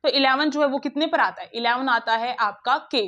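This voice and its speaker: A woman with a high, light voice teaches an online lesson, pressing her students along in a brisk, coaxing way. She speaks, close to the mic. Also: fairly bright tone, highs cut off. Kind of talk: classroom lesson explaining puzzles.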